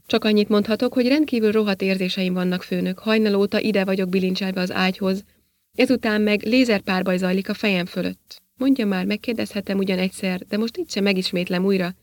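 A woman's voice: medium pitch, steady tone, no echo, lightly acted. A woman reading a sarcastic fed-up astronaut. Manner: dry, sarcastic. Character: weary young male astronaut, sarcastic. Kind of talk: audiobook character reading.

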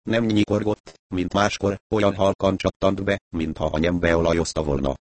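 A man reading a first-person mystery story aloud, in measured storytelling narration. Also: sits low, steady tone. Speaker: audiobook narrator.

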